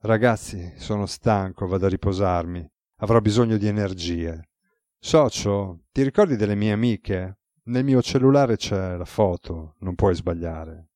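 Guy reading as a tired ironic god, low mellow voice, chill and teasing, dry audiobook sound. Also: measured pace, no room sound, close to an everyday voice. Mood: sardonic. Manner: relaxed, teasing, wry. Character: weary ironic male god, playful.

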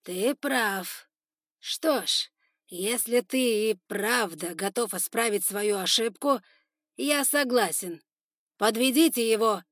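A woman reading aloud plays a furious old spider lord who barks orders and sneers at everyone below him. His voice is loud, raised and harsh, delivered close and dry with no room sound. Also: a little high, slow, no room sound, voice pushed up. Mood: scornful. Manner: shouting orders, harsh and contemptuous. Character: furious older male spider lord, cruel ruler. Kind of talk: audiobook character voice.

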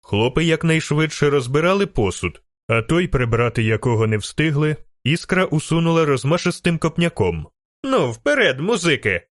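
A man reading an audiobook in steady, rhythmic scripted narration. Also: on the high side, normal speed, no room sound, studio quality. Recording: narration over faint music.

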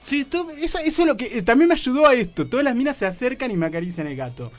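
A young adult man with an Argentine Rioplatense accent, telling a comic story on a radio comedy show, excitable and slangy, acting out other people's lines. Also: very high voice, fast talker, soft background music. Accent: Argentine Rioplatense Spanish.

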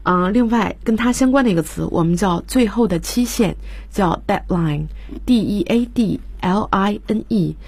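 A woman's voice: mid-range voice, a little slow, a little mellow, husky, no echo. A woman teaching English vocabulary on a radio lesson, explaining patiently and spelling words out letter by letter. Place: radio studio.

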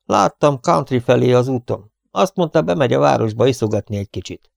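Férfi felolvasó hangján gúnyos, laza fiatal pisztolyhős. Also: male voice, mid-range voice, animated, creaky, a little mellow, dry recording, studio quality. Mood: cool. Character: cocky, cool young man, gunslinger.

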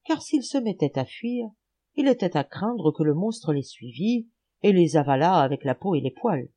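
A woman narrating a folk tale for an audiobook. Her reading is animated and expressive, and her pitch rises and falls widely. The tone stays mellow and dark. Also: moderate pace, slightly rough. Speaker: audiobook reader. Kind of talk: storybook narration.

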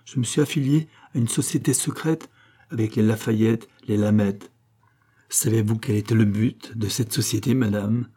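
A grave, gentle count speaks in an audiobook, earnest and affectionate. A man voices him low and husky, with a soft, mellow tone. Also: steady tone, moderate pace.

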